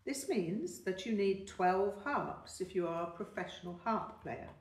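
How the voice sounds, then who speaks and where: A woman's voice: medium pitch, expressive, natural voice. A woman voicing a patient older male music mentor. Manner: measured, explanatory, gently encouraging. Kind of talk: audiobook character voice. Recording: roomy, distant mic.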